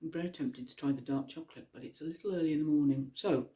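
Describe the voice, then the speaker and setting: A guide leading a mindful eating exercise at home, asking gentle, slow questions and sometimes talking while chewing. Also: mid-range voice, noisy background. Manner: talks while chewing at times. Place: at home with a cat nearby.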